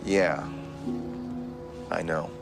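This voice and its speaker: Low-voiced, hesitant, concerned man. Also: fairly even intonation, vocal fry, exaggerated voice. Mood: worried, gently reproachful. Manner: hesitant, halting. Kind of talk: film dialogue. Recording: music behind the dialogue.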